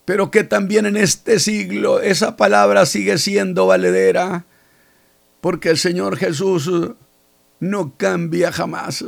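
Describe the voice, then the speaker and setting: A male preacher delivers a dramatic sermon, dropping to hushed asides and then rising to loud proclamations. His voice sits high with a heavy gravelly fry, and he takes his time over every phrase. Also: fairly even intonation, a little slow.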